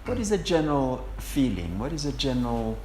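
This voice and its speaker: A man conducting a formal interview, putting wordy, measured questions with pauses mid-sentence. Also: mid-range voice, very animated, warm tone. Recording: echoey room with faint noise.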